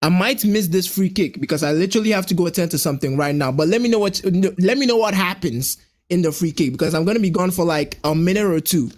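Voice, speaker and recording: Male watch-along host, slightly higher voice, casual live football commentary with excited reactions. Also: fast. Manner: chatty, jumping up in pitch at chances on goal.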